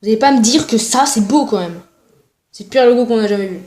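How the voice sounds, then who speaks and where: A young woman with a fairly high voice rants casually on her channel. She mocks other creators, makes jokes and plugs her own videos. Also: fast talker, a little mellow, a little hiss or hum. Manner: mocking, jokey, self-promoting. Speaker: YouTuber. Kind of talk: casual ranting commentary.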